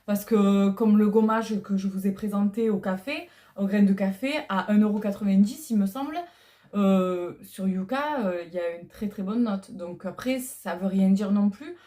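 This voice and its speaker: This middle-aged woman vlogger has a medium-pitched, dark-toned voice and speaks at a moderate pace. Chatting casually while unboxing on a lapel mic, she hesitates a lot and uses many fillers.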